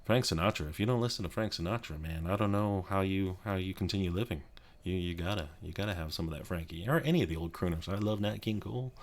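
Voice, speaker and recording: In a hushed ASMR chat from his home office, a very low-pitched Colorado man in his thirties makes a YouTube video while trying not to wake his kid. He meanders, hesitates, and restarts often, sprinkling in plenty of fillers.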